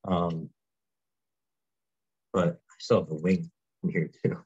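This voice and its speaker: A chef gives a relaxed cooking demonstration, explaining each step as he works and tossing in chatty asides. His voice sits low and slightly rough at a slow pace, with the highs cut off.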